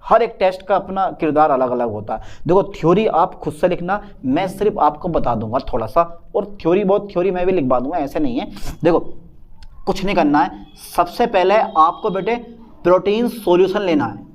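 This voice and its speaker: A male chemistry teacher giving a casual, lively lecture and playing both teacher and questioning student in a back-and-forth. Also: high-pitched, normal speed. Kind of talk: casual Hindi classroom lecture.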